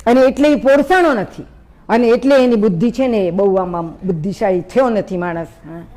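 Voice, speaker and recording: A woman giving a storytelling talk to an audience, lively and speaking straight to her listeners. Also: mid-range voice, normal speed. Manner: lively, acts out story voices, addresses listeners directly.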